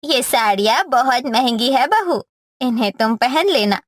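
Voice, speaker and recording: A sharp-tongued mother-in-law from a cartoon story, pitched high and delivered slowly. She scolds and mocks in a shrill, insulting manner. The sound is dry and close. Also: lively intonation, dry recording. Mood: fussing.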